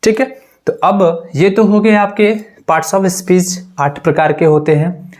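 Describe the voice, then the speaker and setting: A man's voice: high voice, a little mellow. Man teaching, asking and answering himself. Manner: asks rhetorical questions and answers them himself; repeats each word slowly and deliberately. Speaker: English teacher. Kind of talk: grammar lesson.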